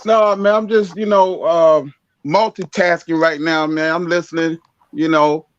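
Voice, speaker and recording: A man's voice: on the high side, fairly even intonation, unhurried, smooth, dry recording. Guy from africa calling in on his cell, muffled dry line, chill, says man a lot. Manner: laid-back, laughs easily, says "man" a lot. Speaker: caller. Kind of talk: casual call-in chat. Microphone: cell phone call.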